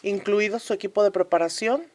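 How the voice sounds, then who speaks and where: Cast as a woman commentator in a scripted radio drama about a fictional republic, an actress reflects on history with earnest, reflective emphasis. She speaks solemnly and repeats phrases on purpose. Her mid-range voice is a little mellow and lightly acted.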